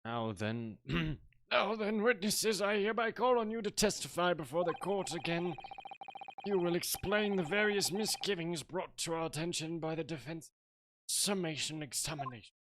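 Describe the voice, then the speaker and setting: A man's voice: on the high side, expressive, moderate pace, fairly bright tone, dry recording, poor audio. A man voicing a grumpy, formal old male judge for a video game dub. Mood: stern.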